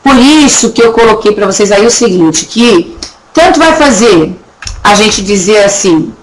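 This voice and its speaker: A woman teaching a recorded Portuguese grammar lesson with a Brazilian accent, chatty, checking in often with her students and slowly stretching words to show how they are pronounced. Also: medium pitch, lively intonation, rough recording. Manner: drags words out slowly to demonstrate pronunciation. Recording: faint background noise and clicks.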